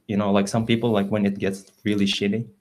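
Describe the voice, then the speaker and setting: A man's voice: on the low side, level tone, quick pace, darkish tone. A young man co-hosting a podcast in casual, slangy talk peppered with "like" and "dude". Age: young adult. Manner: slangy, filler-heavy phrasing with "like" and "dude". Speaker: podcast co-host. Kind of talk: casual chat. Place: library room.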